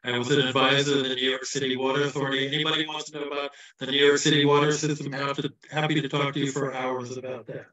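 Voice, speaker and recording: A man's voice: medium pitch, level tone, fast, hardly any pauses, bright, forceful tone. A man from the US Midwest giving an informal campaign speech on a video call, his voice carrying a heavy hall echo. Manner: informal, loose and self-deprecating. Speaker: candidate for party office. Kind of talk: campaign speech at an online event. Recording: echoey room, far from the mic, dull.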